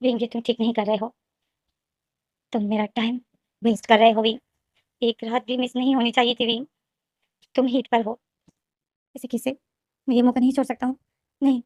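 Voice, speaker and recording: A woman's voice: a little high, little pitch movement, moderate pace, long pauses, a little mellow, no echo, lightly acted. A woman voicing an angry, scheming young husband who mutters threats, in a storybook retelling. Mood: menacing.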